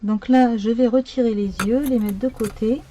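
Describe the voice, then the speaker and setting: Mellow-voiced woman chatting through a craft tutorial. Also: fairly high pitch, fairly even intonation, moderate pace. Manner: chatty, thinking aloud with many fillers.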